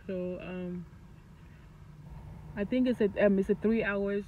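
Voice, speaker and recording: A woman in her forties, a vlogger, chats casually to her phone camera for a travel vlog, rambling with plenty of fillers. Her mid-range voice is steady and slow. Held at arm's length, the phone yields dull lo-fi audio with background noise.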